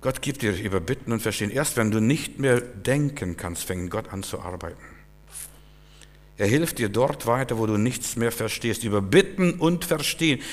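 A man preaching a sermon with fervent, repetitive phrasing that climbs to loud, emphatic peaks. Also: on the low side, animated, normal speed. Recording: long hall reverb.

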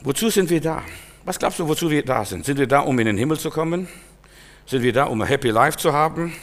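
A man preaching an emphatic sermon, swinging from loud exhortation to quiet, searching questions. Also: on the high side, lively intonation, fast talker. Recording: long hall reverb.

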